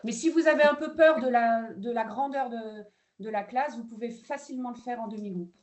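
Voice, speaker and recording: A woman's voice: on the high side, brisk, darkish tone. A woman kindergarten teacher presenting a training webinar, explaining the steps of a lesson with frequent hesitations and fillers.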